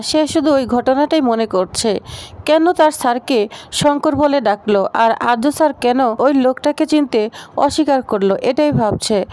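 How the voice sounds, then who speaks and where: A woman's voice: high voice, darkish tone. A woman casually retelling a TV serial episode, speaking plainly and mixing in English words. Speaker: storyteller recapping a TV serial.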